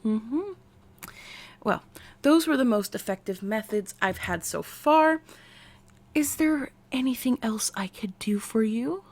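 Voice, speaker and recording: A woman's voice: a little high, slow pace, exaggerated voice. Woman playing Hange Zoe, eccentric American scientist therapist. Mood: soothing, attentive. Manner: animated, chatty, drops into soft whispers. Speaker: ASMR roleplay performer. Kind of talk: intimate ASMR character roleplay.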